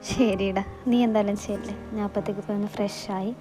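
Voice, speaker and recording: A woman voicing a shy, timid young woman who speaks softly and hesitantly, in an amateur audio drama. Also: medium pitch, level tone, brisk, over music, lightly acted, low-quality recording. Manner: soft, hesitant, tearful.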